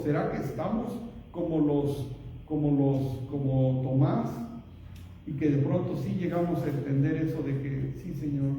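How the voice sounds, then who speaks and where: A man with a high, mellow voice preaches to his congregation, calling them brothers again and again and putting rhetorical questions to them. He sounds distant from the microphone, and his words ring on through a long, echoing church hall. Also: a little hiss or hum. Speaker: pastor. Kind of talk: sermon. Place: church sanctuary. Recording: echoey church hall picked up from far off.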